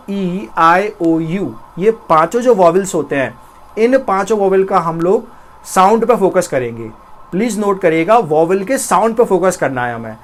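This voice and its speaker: A young Indian man teaching a spoken English lesson, explaining step by step and repeating his examples slowly. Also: high-pitched.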